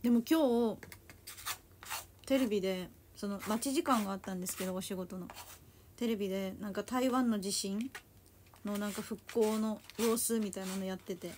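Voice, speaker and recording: A woman's voice: medium pitch, normal speed, a little mellow, a little hiss or hum. A woman in her twenties from Japan, chatting casually to viewers on a livestream and teasing them in a playfully pouty way. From Toyama, Japan. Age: 20s. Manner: chatty and playfully pouty, calls herself by a nickname. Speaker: idol livestreamer.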